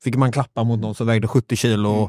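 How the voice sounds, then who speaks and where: A man hosting a podcast, asking curious questions and chiming in with quick affirmations. His voice is mid-pitched and conversational. It is recorded close and dry. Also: steady tone, darkish tone, no room sound. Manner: engaged, frequent short affirmations. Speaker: podcast host. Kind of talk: casual interview.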